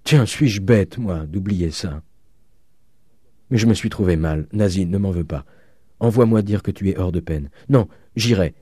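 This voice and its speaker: A man voicing a frail old father who cries out in a high, strained voice. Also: measured pace, mellow, breathy edge, no echo, clean studio sound. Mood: pleading.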